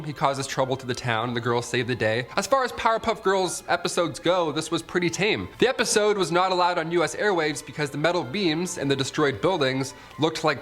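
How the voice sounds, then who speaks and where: Over background music, a man with a fairly high, fairly bright voice hosts a top ten list. He blends scripted countdown narration with casual, joking and sarcastic asides.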